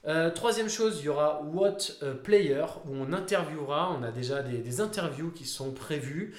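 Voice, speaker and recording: A man's voice: on the high side, moderate pace, roomy sound. A man co-hosting a football podcast in casual, joking banter. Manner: laughs often, joking banter. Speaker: podcast co-host. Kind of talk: casual chat.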